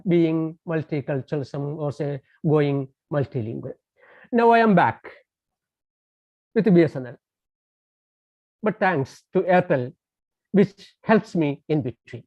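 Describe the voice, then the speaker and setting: A man whose first language is Tamil lectures as a guest over a landline phone call, stumbling often on fillers and false starts. His slightly high, darkish voice has lively intonation, but he's unhurried and leaves long pauses. The sound is muffled, narrow and lo-fi, with a close, dry room.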